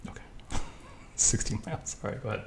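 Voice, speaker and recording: A man's voice: fast, a little hiss or hum. A man from Staten Island giving sarcastic, chuckling voice-over commentary on an old talk show clip, with the odd profanity. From Staten Island, New York. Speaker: video commentator.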